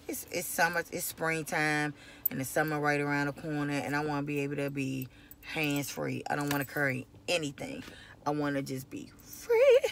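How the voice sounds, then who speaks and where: A woman's voice: low voice, slight background noise. A woman vlogger chatting casually to her phone camera from inside a car, in a loose, rambling way that repeats itself. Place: inside a parked car at night. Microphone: phone camera at arm's length.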